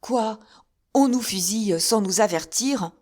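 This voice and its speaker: A woman doing a proud older nobleman in an adventure audiobook, outraged and calling out loudly. His indignation rises high and sharp above the reader's own low voice. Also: unhurried, natural voice. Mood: indignant. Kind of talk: audiobook character reading.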